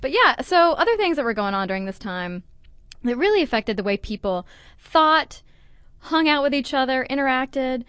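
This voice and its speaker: A woman co-hosting a casual chat, explaining in a lively, conversational way with everyday slang. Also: high-pitched, normal speed, smooth, no echo, clean studio sound. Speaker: podcast co-host.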